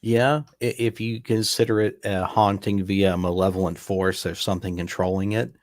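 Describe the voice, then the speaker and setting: Deep-voiced man in dry commentary. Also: moderate pace, dry recording. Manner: relaxed, rambling, talks in restarts. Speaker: podcast co-host. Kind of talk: casual film commentary chat.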